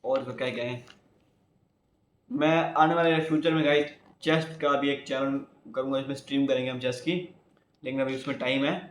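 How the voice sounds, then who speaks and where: Recorded in an echoey room, a young Indian man's medium-pitched voice shows little pitch movement and keeps a moderate pace. He's a YouTuber doing casual vlog talk, rambling and chatty, and he frequently addresses his viewers as "guys".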